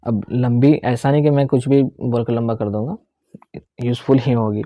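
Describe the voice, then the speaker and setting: A man's voice: mid-range voice, steady tone, moderate pace, dark tone, no room sound, clean studio sound. A young man teaching English pronunciation in Hindi with some English, explaining step by step and often checking in with his students. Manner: explains step by step, repeats key words, checks in with "theek hai".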